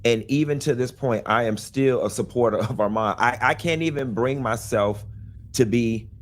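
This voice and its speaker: A man earnestly explaining his side of a public dispute, now and then breaking into animated exclaimed asides. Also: mid-range voice, normal speed. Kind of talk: clip of a personal video statement.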